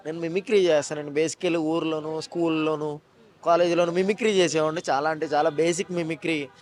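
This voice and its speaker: A man, an actor and mimicry artist, telling stories fast in a casual interview with joking asides. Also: on the high side, steady tone.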